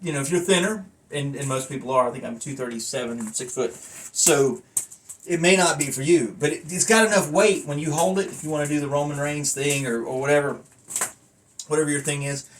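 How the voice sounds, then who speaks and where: Speaking a little fast in a fairly high voice, this man rambles casually through a review of his hobby, folksy and self-mocking, with the odd swear word. It was captured on a phone some distance from him, so the audio is noisy.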